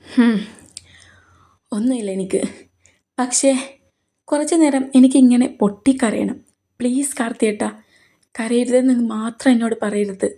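Brief: woman doing an emotional young heroine, quick to anger, mellow voice. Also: a little high, steady tone. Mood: tearful. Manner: emotional, pleading. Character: tearful, hot-tempered young woman in love.

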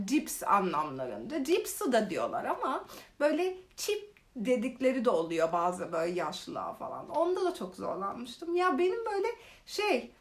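A young woman casually telling funny stories in a vlog, animated and exaggerated. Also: high-pitched. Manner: animated, exaggerated retelling with laughs. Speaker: vlogger. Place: living in Korea.

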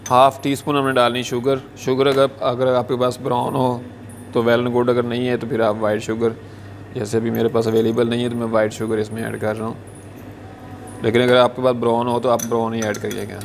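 Man, cooking instructions, flat steady delivery, sizzling pan noise behind. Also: mid-range voice, a little fast, vocal fry. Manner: calm, repeats "achha ji" between steps. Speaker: cooking show chef. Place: restaurant kitchen at a gas stove.

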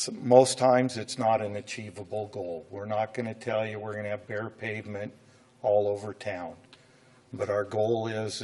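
A middle-aged American city official stands at a podium in an indoor council chamber, speaking slowly and haltingly to the council in an informal, plain-spoken way. His low, somewhat mellow voice has little melody and comes and goes because of a cold.

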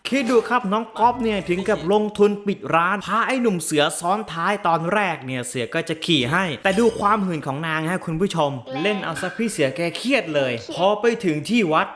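A man's voice: high voice, animated, brisk, few pauses, fairly bright tone. A man narrating a casual comic movie recap, chatty and teasing, with slangy asides to viewers.

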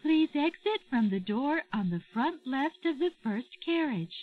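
A woman giving a recorded train announcement over the loudspeaker, formal and carefully enunciated. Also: sits high, lively intonation, slow pace. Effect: played over a train loudspeaker. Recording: dull lo-fi train audio.

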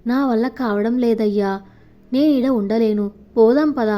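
A woman's voice: on the high side, unhurried, muffled recording, close to an everyday voice. A woman voicing a grief-stricken old male farmer who pleads through tears. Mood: tearful pleading. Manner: pleading, tearful.

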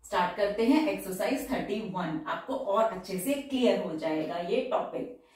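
एक महिला शिक्षिका जो शॉर्टहैंड के उदाहरण शब्दों को धीरे-धीरे दोहराते हुए कदम-दर-कदम समझाती है।. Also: female voice, mid-range voice, expressive, darkish tone, distant mic. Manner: slow, careful repetition of example words. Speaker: shorthand teacher. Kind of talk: step-by-step tutorial. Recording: echoey room, voice off-mic.

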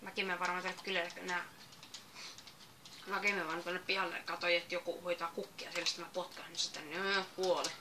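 A woman doing let's-play game commentary, excitable, shouting commands and exclamations at the game. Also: fairly low pitch, background noise. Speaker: gameplay commentator.

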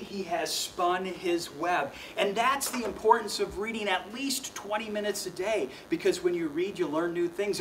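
A man's voice: fairly high pitch, far from the mic, a little hiss or hum, rough recording. Upbeat young man doing kids' magic patter. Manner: playful, mock-flustered showman addressing kids. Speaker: children's magician.

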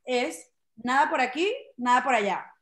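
A woman's voice: high voice, expressive, measured pace, fairly bright tone, roomy sound. A woman from Venezuela with a Venezuelan Spanish accent, performing a playful, self-mocking stand-up comedy set.

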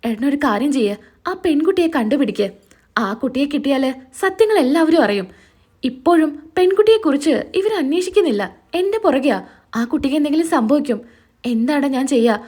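A woman voicing an anxious young man, pleading fast. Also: sits high, lively intonation, warm tone. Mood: urgent pleading.

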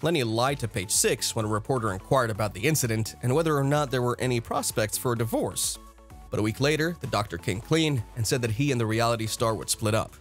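A man reading a scripted celebrity gossip narration in a steady, even read-aloud delivery. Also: medium pitch, fast. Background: faint background music.

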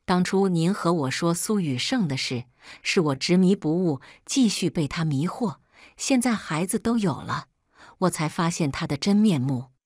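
A wheedling young daughter, pregnant and scheming, stammering as she begs for money, as a woman reading the story puts her on. Her voice sits fairly low and sounds dry and close, with no room around it. It is plain storybook telling, not a showy performance. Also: expressive, moderate pace, darkish tone, dry recording. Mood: pleading. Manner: pleading, stammering. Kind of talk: scripted storytelling.

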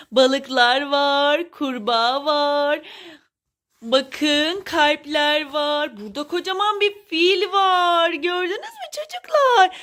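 A woman's voice: very high-pitched, fairly bright tone. A woman narrating a toy play video, talking to baby dolls in a fussing, motherly, sing-song way.

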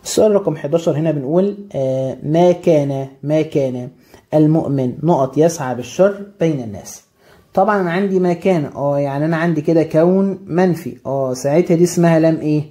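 Fast-talking Egyptian grammar teacher. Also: male voice, a little high, dark tone. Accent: Egyptian Arabic. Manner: asks and answers his own questions, repeats key terms. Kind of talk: exam drill lesson.

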